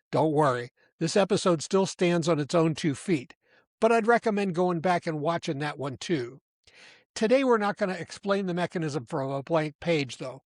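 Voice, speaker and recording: An emphatic male podcast host talks through a scripted explainer in a slightly higher-than-usual voice. He is deliberate and slows down to stress key points. The sound is dry and close, with no room echo.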